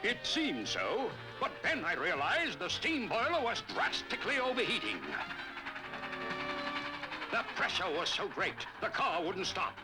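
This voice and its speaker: A man's voice: high voice, very animated, measured pace, rough recording. A man voicing a pompous, boastful old cartoon commander, telling tall tales dramatically. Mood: dramatic. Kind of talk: cartoon storytelling. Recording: music behind, old cartoon soundtrack.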